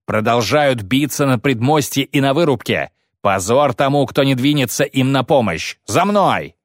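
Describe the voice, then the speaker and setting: A man's voice: on the high side, expressive, normal speed, dry recording, clean studio sound, pitched above the performer's own voice, close to an everyday voice. Man voicing a battle-hardened commander, bellowing, cursing, raised strained voice. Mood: roaring. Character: grim battle-hardened male commander, roaring.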